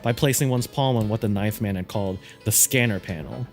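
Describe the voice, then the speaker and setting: Low-voiced man narrating a game. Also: brisk. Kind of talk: scripted narration, read aloud. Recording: music behind the voice.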